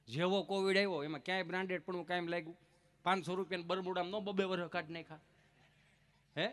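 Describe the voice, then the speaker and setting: A man performs comic folk stories on stage, teasing and repeating his punchlines with relish. His voice is high and bright, with a sharp, ringing edge. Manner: lively, teasing delivery with punchy repetition. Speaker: stage comedian.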